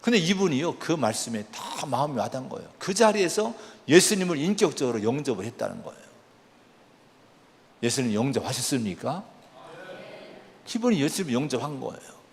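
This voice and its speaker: Lively male preacher in an echoing church. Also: medium pitch, brisk, pauses often, a little hiss or hum. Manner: animated storytelling preacher, exhorting the congregation. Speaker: pastor. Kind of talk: sermon. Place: church sanctuary.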